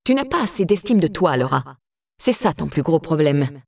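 A woman's voice: deep voice, sing-song, normal speed, creaky, darkish tone, dry recording, studio quality, full character voice. A woman voicing a scornful, hard-faced stepmother who sneers and needles. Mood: contemptuous.

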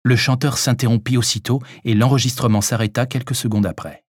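A man narrating a suspenseful story in a steady, measured audiobook reading. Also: medium pitch, no echo, studio quality.

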